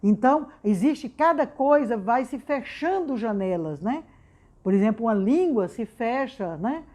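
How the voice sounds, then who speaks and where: Brazilian woman, educator, chatty lecture, tag question after each phrase, fairly high voice. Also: lively intonation, unhurried, mellow. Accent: Brazilian Portuguese. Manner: frequent restarts and repeated words. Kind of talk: informal educational talk.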